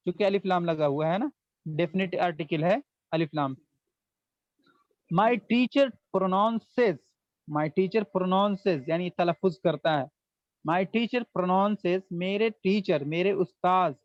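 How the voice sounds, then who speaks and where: Slow, high-voiced man teaching a language. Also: a little mellow, no room sound, highs cut off. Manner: slow, explains word by word, often repeats and translates each phrase. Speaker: Arabic teacher. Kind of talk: online language lesson.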